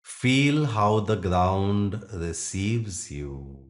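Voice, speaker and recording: Gentle instructions come in short phrases from a deep-voiced yoga nidra teacher guiding a meditation, delivered very slowly with long pauses between words. His manner is very animated.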